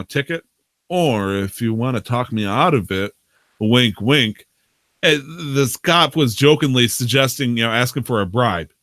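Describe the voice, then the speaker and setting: A man's voice: mid-range voice, fairly bright tone, dry recording, studio quality. A man hosting a podcast, casually telling a long, profane, rambling story about his roleplay game character, laughing often. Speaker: podcast host.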